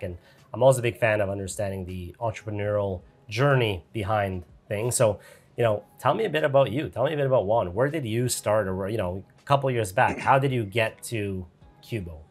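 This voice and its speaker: A man's voice: on the low side, fairly quick. A man in his thirties hosting a casual interview over a headset on a video call. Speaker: podcast host. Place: home studio room.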